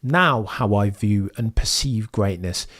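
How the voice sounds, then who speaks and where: Speaking slowly in a fairly bright voice on the low side, a young man commentates a Formula 1 live stream and reads messages from chat. His voice is fading, and his opinionated rambles are full of "right?" tags.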